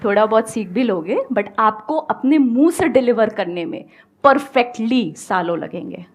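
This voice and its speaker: A woman with an Indian accent giving an animated motivational talk on speaking English, mixing Hindi and English. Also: a little high, moderate pace. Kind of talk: motivational talk with audience questions.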